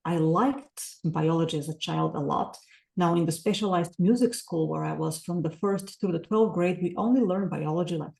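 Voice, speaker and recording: A woman's voice: low voice, creaky, dark tone, echoey room. A woman, a podcast guest talking earnestly and reflectively with many fillers. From Bulgaria. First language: Bulgarian. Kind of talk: casual interview talk.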